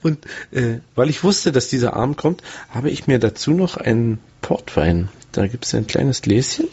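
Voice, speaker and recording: A man's voice: medium pitch, expressive, moderate pace, mellow, husky, lo-fi sound. A man talking through a voice morphing filter, joking around in a casual podcast chat. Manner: jokey, joshing banter.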